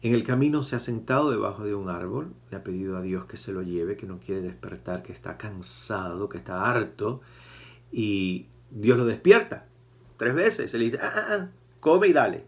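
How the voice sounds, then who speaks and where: A priest giving a conversational sermon, acting out quoted voices with animated swings. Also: male voice, fairly low pitch, normal speed.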